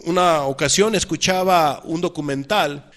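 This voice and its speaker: A man's voice: a little high, measured pace, fairly bright tone. A man preaching a sermon, asking the congregation rhetorical questions and reading scripture with emphasis. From Mexico.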